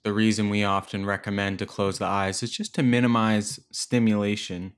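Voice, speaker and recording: A man's low, flat, clean-toned voice carries a guided meditation, with gentle instructions delivered unhurriedly and long pauses between phrases.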